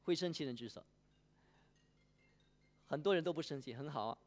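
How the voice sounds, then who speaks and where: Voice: medium pitch, a little fast. A preacher delivering a sermon, asking the congregation questions and polling them by a show of hands. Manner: animated, poses questions and polls the congregation.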